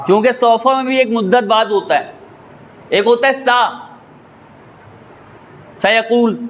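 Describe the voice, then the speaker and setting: A male cleric giving an impassioned religious sermon, arguing rhetorically and rising to shouts, into a microphone in a mosque prayer hall. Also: extremely high pitch. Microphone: stand microphone.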